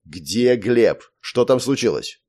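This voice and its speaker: A man plays a hard-nosed guard firing short, pressing questions at a witness. His voice is mellow and darker in tone, close to the narrator's own, and clipped and firm, as in a read-aloud crime story. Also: mid-range voice, expressive, takes it slowly. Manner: curt, demanding questions. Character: stern male guard interrogating a witness.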